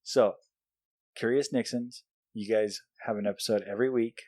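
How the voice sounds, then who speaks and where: A man's voice: fairly low pitch, fairly even intonation, normal speed, darkish tone. A man hosting a podcast in a casual, playful chat with guests. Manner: playful, joking. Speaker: podcast host.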